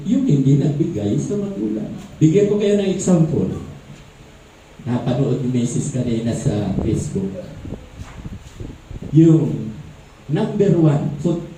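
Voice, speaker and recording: A man's voice: high-pitched, warm tone. A man preaching a sermon, talking conversationally and asking the congregation questions. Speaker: pastor. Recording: echoey hall, distant mic, faint noise.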